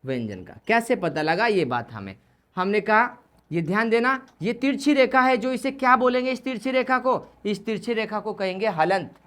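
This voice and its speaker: In this classroom explanation of Hindi grammar, a woman speaks at a moderate pace with a medium-pitched, expressive, fairly bright voice. Her style is repetitive, going back over key points and asking questions only to answer them herself.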